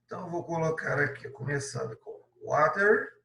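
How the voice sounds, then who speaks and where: Male Brazilian teacher, slightly high voice, patient step-by-step delivery, roomy echo. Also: lively intonation, moderate pace, vocal fry, sharp tone, distant mic, slight background noise. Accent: Brazilian Portuguese. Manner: patient, explains step by step, adds many tag questions. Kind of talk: classroom lesson correction.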